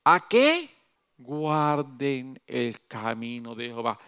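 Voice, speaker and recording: A male pastor preaching a sermon in an animated way, swinging between loud emphasis and soft asides. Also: medium pitch, takes it slowly, clean tone.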